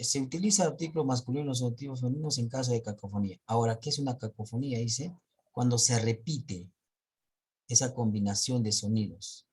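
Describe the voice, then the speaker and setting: A man's voice: mid-range voice, darkish tone, slightly rough. A man teaching a grammar lesson in an online class, explaining step by step and checking in with his students.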